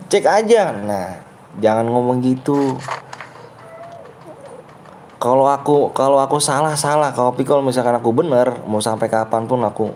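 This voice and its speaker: A man's voice: medium pitch, a little mellow, slight background noise. Young man streaming in slang. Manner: argumentative and teasing, often laughing. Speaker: live streamer hosting custom game rooms. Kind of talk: casual live-stream chat.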